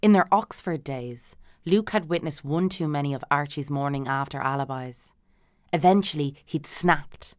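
A woman narrates a literary audiobook in a low, steady voice, measured and dry in her reading. The sound is close and dead, with no room around her. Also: dry recording.

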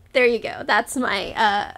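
A woman's voice: fairly high pitch, creaky, a bit bright. Woman podcast co-host, casual and rambling, filler-heavy delivery. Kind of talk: casual chat.

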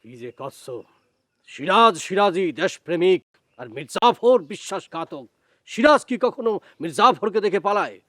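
An actor playing a worried young village man in a TV drama, who talks quickly and anxiously to his sweetheart. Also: high voice, animated, bright, forceful tone, no echo. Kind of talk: TV drama acting.

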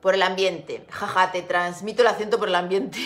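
On the low side and a bit bright, this middle-aged Spanish woman talks at a moderate pace with fairly even intonation. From a windowed room at home she hosts a casual craft livestream, chatting, laughing and greeting viewers by name, captured by a desk device camera with an echoey sound.

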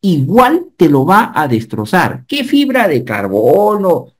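Animated man in his fifties teaching. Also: high voice, takes it slowly. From Peru. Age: 50s. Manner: animated teacher, asks the class checking questions. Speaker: occupational safety instructor. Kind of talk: online lecture.

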